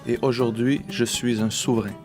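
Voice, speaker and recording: A man in his late thirties with a Québécois French accent, reflectively telling his own life story as a personal testimony, measured and with small hesitations. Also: medium pitch, level tone, over loud music. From Quebec, Canada.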